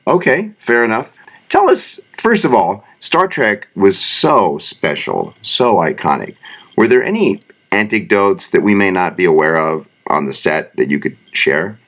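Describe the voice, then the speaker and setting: A man hosting a mock interview in a studio, asking brisk, upbeat questions. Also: deep voice, big pitch swings, a bit bright. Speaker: podcast host.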